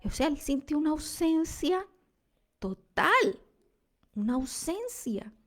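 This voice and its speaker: Slow, earnest woman preacher. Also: sits high, big pitch swings. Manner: earnest, reflective, drops to a soft whisper at times. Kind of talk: devotional testimony talk.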